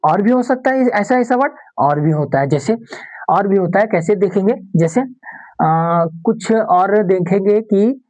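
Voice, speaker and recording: A woman teaching a grammar lesson for exam preparation, who repeats example words slowly and asks and answers her own questions. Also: mid-range voice, animated, a little mellow, low-quality recording. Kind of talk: exam-prep classroom lesson.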